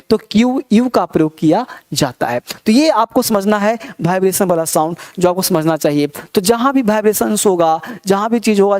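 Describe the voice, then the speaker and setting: A man teaching English pronunciation, repeating each word slowly so learners can say it along. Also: sits high, darkish tone. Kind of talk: classroom lesson.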